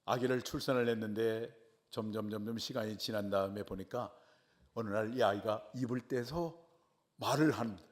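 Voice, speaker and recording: Emphatic middle-aged pastor preaching. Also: male voice, lowish voice, normal speed. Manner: emphatic, with sudden loud swells on key phrases and quiet drops after them; asks the congregation rhetorical questions. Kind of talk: sermon.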